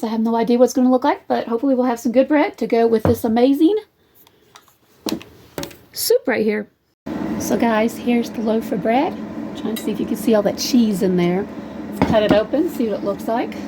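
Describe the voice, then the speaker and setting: A friendly woman talks her way through a home recipe in a loose, rambling style, calling her viewers y'all. Her voice sits a little high for a woman. Faint clatter of dishes and pans comes from her kitchen behind her. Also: normal speed, creaky, long pauses, mellow, slight background noise. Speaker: home cook, channel host. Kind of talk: casual cooking demonstration.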